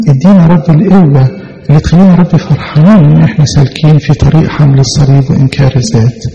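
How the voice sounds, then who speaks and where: Talking very fast in a slightly high, steady, creaky voice over a noisy background, a man with an Egyptian Arabic accent leads an extemporaneous prayer in church. He pleads fervently and earnestly, repeating his appeals to God. The recording is dull and lo-fi, with a long reverb from the hall.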